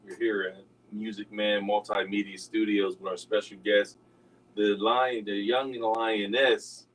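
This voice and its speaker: An older man hosting a radio talk show, telling stories in a raspy, easygoing way. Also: on the low side, flat delivery, measured pace, distant mic, rough recording.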